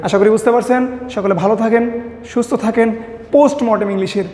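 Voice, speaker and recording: A man's voice: sits high, fairly even intonation, quick pace, mellow, slight background noise. A man, teaching an English grammar lesson and quizzing his listeners with repeated questions. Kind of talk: classroom lesson. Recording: echoey room with long reverb.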